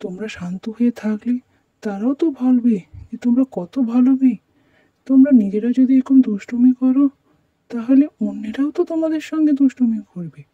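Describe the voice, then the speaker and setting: A woman telling a doll story who speaks as the mother, gently lecturing her daughters in a motherly manner. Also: a little high, fairly quick, no echo. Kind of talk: doll role-play storytelling. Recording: dull, dry lo-fi recording.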